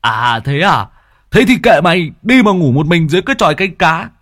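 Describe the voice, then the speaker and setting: A man voicing a young farmhand who teases loudly and blusters. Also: fairly low pitch, takes it slowly, dry recording, studio quality. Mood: huffy. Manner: loud, teasing, blustering. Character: loud mocking young male farmhand who loves to scare.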